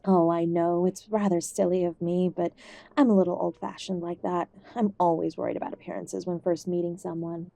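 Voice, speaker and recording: A woman in an audio drama plays an affectionate, ailing older mother who fusses gently, old-fashioned and stubbornly hopeful, and uses endearments. Her soft-edged, mellow voice is lowish and creaky, with a flat but fairly quick delivery, gracious and coy in mood. It's recorded close and dry, without room sound.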